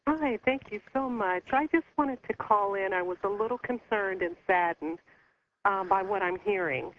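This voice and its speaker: A woman calling in to a radio talk show over the phone, speaking earnestly with a concerned, halting manner. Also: medium pitch. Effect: heard over the phone. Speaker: caller. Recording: muffled phone line with faint hiss.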